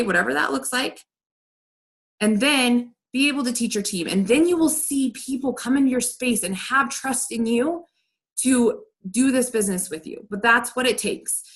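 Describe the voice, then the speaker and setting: A woman's voice: fairly high pitch, fairly bright tone. A woman leading a team training over a video call, talking in a direct, upbeat coaching way. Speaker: team leader.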